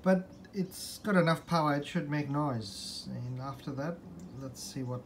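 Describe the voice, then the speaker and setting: Here the man's voice is a little high and his pace a little slow. He's a hobbyist restorer presenting a repair in an informal, unscripted way, explaining hesitantly while thinking aloud at an indoor desk. The recording is handheld phone or camera video, shot from behind the lens, with background noise.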